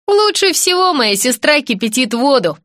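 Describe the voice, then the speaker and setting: A woman's voice: high-pitched, very animated, normal speed, fairly bright tone, no echo. Woman narrator doing a mocking muttering student, dry close read. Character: sardonic young male student, grumbling.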